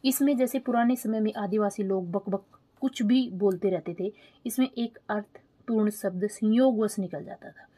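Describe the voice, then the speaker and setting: A woman teacher, explaining an exam lesson slowly, repeating key terms and asking checking questions. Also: mid-range voice, dark tone. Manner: spells terms out letter by letter while writing. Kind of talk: online exam-prep lesson.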